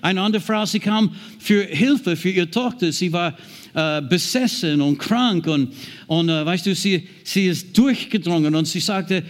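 High-voiced preacher man. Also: a little slow. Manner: earnest, repeats himself, often says "weißt du". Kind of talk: sermon.

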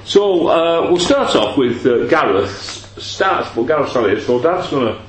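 Guy hosting a footy podcast, got a cold, rambly and jokey, loud echo all round him. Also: fairly high pitch, sing-song, unhurried. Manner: rambling, jokey, trails off with fillers. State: has a bit of a cold. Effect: strong room echo. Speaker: podcast host. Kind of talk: casual football podcast chat. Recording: echoey room with faint noise.

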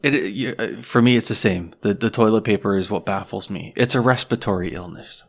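A man with a lowish voice talks casually with a friend over beers, spinning jokes and everyday stories at an easy pace. He sounds like a relaxed podcast co-host. The room around him has a bit of echo. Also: fairly quick, vocal fry. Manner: joking, talkative storyteller. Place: echoey cottage room.

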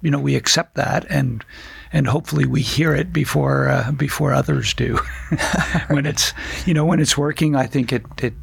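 A man's voice: medium pitch, moderate pace, gravelly, husky, dry recording. An older man, a band singer, chatting in an interview in a rambling, self-deprecating way, with many restarts. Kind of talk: casual interview chat. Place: studio.

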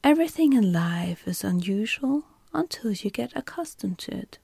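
A woman's voice: mid-range voice, sing-song, moderate pace, gravelly, breathy edge, dry recording, exaggerated voice. A woman voicing a proud male scarecrow in a whispered bedtime storybook reading. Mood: pleased. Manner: whispered, soft.

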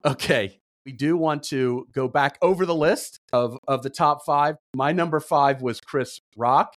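A middle-aged man co-hosting a podcast in casual chat, with relaxed, easygoing banter. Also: fairly high pitch, unhurried, no room sound, studio quality. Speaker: podcast co-host.

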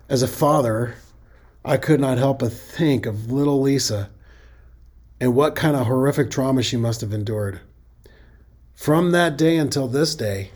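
A man's voice: medium pitch, darkish tone. A middle-aged man with a Midwestern accent, hosting a safety podcast in a folksy, conversational monologue that now and then corrects itself.

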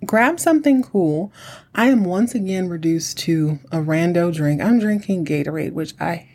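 A middle-aged podcast host with a husky voice, chatting solo in a campy, sassy drag-queen manner, sounding like a woman. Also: mid-range voice, normal speed, mellow. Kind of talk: chatty solo recap commentary.

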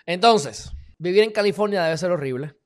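A man with a Puerto Rican accent giving emphatic, heated commentary in a casual live video, talking straight to his viewers with sudden loud bursts. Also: high-pitched, animated, normal speed. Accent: Puerto Rican Spanish. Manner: informal, addresses viewers as "mi gente". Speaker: live-stream political commentator.

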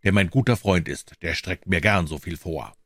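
A man's voice: deep voice, normal speed, fairly bright tone, dry recording. Man reading as a menacing devil. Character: menacing male devil, threatening then sly.

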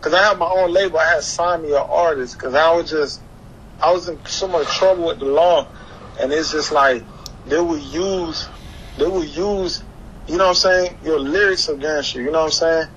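As an interview guest, a young hip-hop artist chats casually in slang, repeating his phrases and often saying "you know what I'm saying." He's from Haiti, moved to the US at eleven and lives in Florida. His voice is a little high and a bit bright at a moderate pace, the highs are cut off, and the background is clearly noisy.

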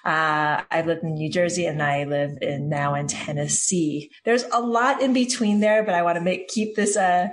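Woman, 40s, from Hawaii, a podcast guest with a slightly low, warm voice, storytelling style. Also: fairly even intonation, moderate pace, hardly any pauses. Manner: warm, storytelling, with fillers and self-corrections. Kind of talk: interview answers.

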